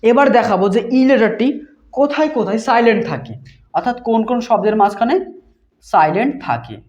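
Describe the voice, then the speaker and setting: A woman teaching a beginner reading lesson. She spells letters out one by one, repeats words slowly, and asks questions that she answers herself. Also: on the high side, animated, darkish tone. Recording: dull lo-fi recording.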